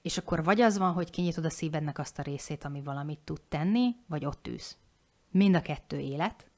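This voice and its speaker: Frank and animated, this woman in her forties talks openly on a podcast, restarting sentences and dropping casual swears. Her voice sits low.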